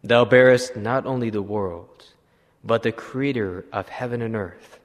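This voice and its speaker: Priest voicing a solemn divine child. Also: male voice, mid-range voice, big-room sound, close to an everyday voice. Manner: slow, solemn archaic speech. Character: small boy who is divine, calm and solemn.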